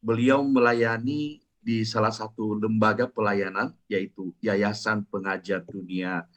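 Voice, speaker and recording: A man's voice: on the low side, fairly even intonation, unhurried. A man moderating an online church training session, welcoming the speaker in a polite, formal way. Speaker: host and moderator. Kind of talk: event moderating.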